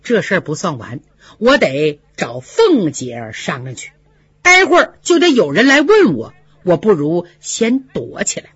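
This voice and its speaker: A storyteller voicing a proud, defiant young maidservant who speaks in an indignant, sharp-tongued way. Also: mid-range voice, huge pitch swings, a little slow, husky, dry recording, heavily acted. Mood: worried. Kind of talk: storytelling with voiced characters. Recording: dry, slightly dull lo-fi recording.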